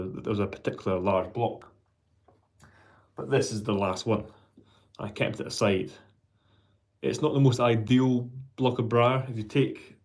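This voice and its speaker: A man with a fairly low voice talks casually to his viewers as a hobbyist pipe maker. He speaks haltingly, thinking aloud and doubling back on words as he goes. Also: darkish tone. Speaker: pipe maker hosting a vlog. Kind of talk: casual, rambling hobby vlog chat.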